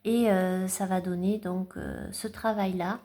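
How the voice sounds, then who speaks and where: A woman's voice: mid-range voice, steady tone, unhurried, warm tone. A woman chatting at home in a casual vlog, showing her tarot cards, hesitant with many fillers and restarts. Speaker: tarot collector vlogger. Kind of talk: casual show-and-tell vlog.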